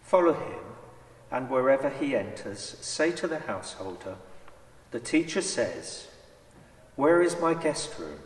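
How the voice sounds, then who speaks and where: A man playing Jesus as a solemn, measured, authoritative teacher in a dramatised church scripture reading. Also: mid-range voice, big pitch swings. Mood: grave. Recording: echoey church hall, far from mic.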